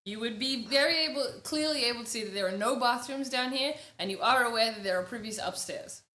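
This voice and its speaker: Australian woman game master, steady, bright voice, echoey room. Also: fairly high pitch, fast. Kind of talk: narrating a tabletop game.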